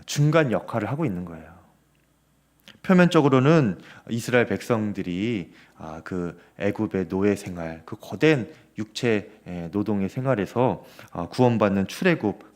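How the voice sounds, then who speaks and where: A man's voice: lowish voice, expressive, normal speed, darkish tone. A male pastor preaching a sermon at a Friday prayer service, earnest, with many small fillers and rising emphasis. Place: church sanctuary.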